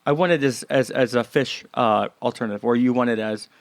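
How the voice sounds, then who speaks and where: A man's voice: medium pitch, a little fast, no room sound. A man with a Baltimore accent hosting a podcast, talking in casual, joking banter and teasing his co-host. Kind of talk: casual chat.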